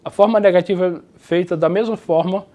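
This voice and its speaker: A man with a Brazilian Portuguese accent teaching English grammar in a recorded distance-learning lecture, explaining the rules step by step and reading the example sentences slowly and clearly. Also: sits high, steady tone, dark tone, dull audio.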